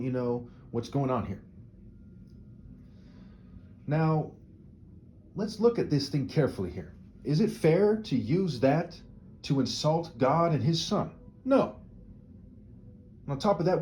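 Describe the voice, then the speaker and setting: Here the commentator's pitch is fairly high and his tone dark, with slight background noise. Talking alone to camera, he offers opinions in a discursive, rhetorical way, leaning on "right?" and restarting sentences with repeated words.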